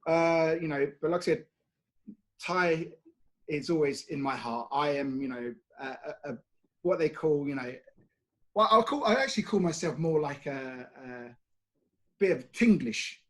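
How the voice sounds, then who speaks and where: Slightly high and fairly bright, this British man's voice is animated but measured in pace. Interviewed as a brand ambassador from the UK, he answers casually and chattily, sprinkling in "you know."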